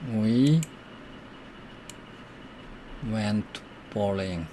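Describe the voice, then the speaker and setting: A man teaching English, who says the English example sentences slowly and deliberately and explains them more quickly. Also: on the low side, background noise. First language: Korean. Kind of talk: slow explanatory lesson.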